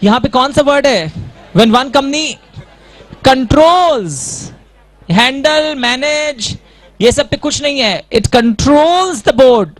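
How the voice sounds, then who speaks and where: A man's voice: very high-pitched, lively intonation, drawn-out words, no room sound. A middle-aged male teacher giving a playful classroom lecture, mixing English lines into his teaching.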